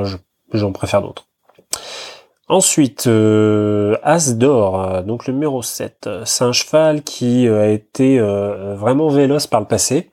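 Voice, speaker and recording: A man's voice: lowish voice, dark tone. A man giving horse race picks in a chatty, informal way, full of fillers and asides to the listener. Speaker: horse racing tipster. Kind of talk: casual podcast analysis.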